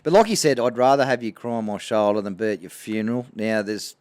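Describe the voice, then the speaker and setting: A man's voice: fairly low pitch, fast, a little mellow, no room sound. An Australian man rattles along as a podcast co-host in a dry-sounding recording. His talk is casual, blokey and sweary, like a tradie having a yarn. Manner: blokey Aussie tradesman way of talking, sweary. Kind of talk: casual banter.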